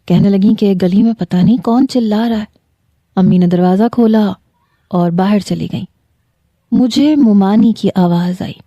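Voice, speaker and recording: A woman's voice: medium pitch, dark tone, no room sound. A young adult woman narrating a dramatic first-person story with emotional delivery. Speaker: storyteller reading her own novels.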